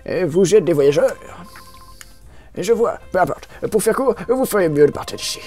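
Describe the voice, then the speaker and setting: Very old police chief for a game, voiced by a man: gruff, raspy, muddled diction, animated intonation, curt warnings. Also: sits high, moderate pace, soft background music. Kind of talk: amateur voicing of game dialogue.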